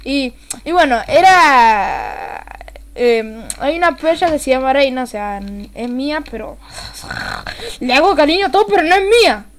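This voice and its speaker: A young woman with an Argentine accent doing live gameplay commentary as a streamer, excitable, swearing casually and swinging from low mutters to sudden yelling. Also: normal speed. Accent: Argentine Spanish.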